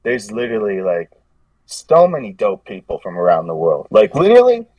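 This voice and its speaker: A man's voice: sits low, sing-song, moderate pace, darkish tone, dry recording, recorded from a distance. A man telling stories in a casual podcast chat, rambling and restarting his sentences as he goes. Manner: rambling, self-correcting storyteller with frequent restarts. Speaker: podcast guest, gym meme page creator.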